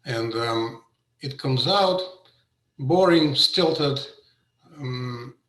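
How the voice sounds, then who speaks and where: A middle-aged man from Russia, a painter giving an informal artist talk over a video call, pausing often with fillers and restarts. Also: medium pitch, lively intonation, fairly bright tone, echoey room, low-quality recording. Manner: hesitant, many fillers and restarts. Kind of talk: informal presentation.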